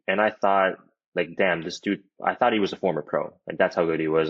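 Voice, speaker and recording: Low-voiced, rambling young man. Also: fairly bright tone. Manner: laid-back, rambling, full of "like" and "you know". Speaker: guest, pro hockey player. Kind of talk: casual interview chat. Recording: dull, lo-fi audio.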